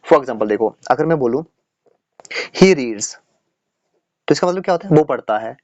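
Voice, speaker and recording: A man's voice: mid-range voice, expressive, normal speed, a little mellow, no room sound, lo-fi sound. A man teaching English grammar in a casual, chatty classroom style, repeating his points and checking in with the students often. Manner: chatty, repeats points with "dekho yaar" and "theek hai na".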